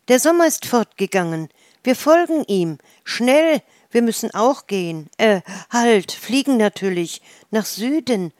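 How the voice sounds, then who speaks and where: A woman voicing a flock of excited swallows in a storybook, calling out loudly in a hurry. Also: a little high, no room sound, studio quality, voice pushed up. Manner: loud, hurried, calling out.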